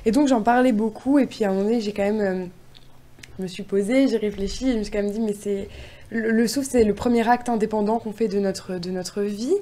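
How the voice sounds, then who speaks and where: A woman's voice: mid-range voice, fairly even intonation, fairly quick, mellow. A young woman from France, a poet guest answering interview questions eagerly with many hesitations. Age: young adult.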